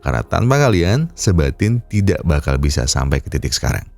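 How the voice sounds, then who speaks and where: A man narrating a film recap and chatting to viewers, his voice nasal and congested from a cold, folksy and gently advising. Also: very deep voice, very animated, a little fast, vocal fry, soft background music. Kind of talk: scripted film recap narration and casual outro.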